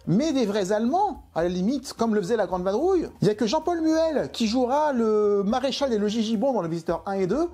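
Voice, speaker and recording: A man's voice: sits high, expressive, a little fast, few pauses, warm tone. A man reviewing a film in an exasperated, emphatic way, full of rhetorical questions. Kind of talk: opinionated video film review.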